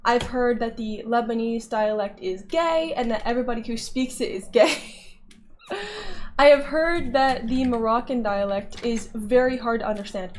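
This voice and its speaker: Her voice is on the high side at normal speed, with a little hiss or hum in the recording. She's a gaming vlogger talking casually and frankly while she plays, rambling and making self-deprecating jokes.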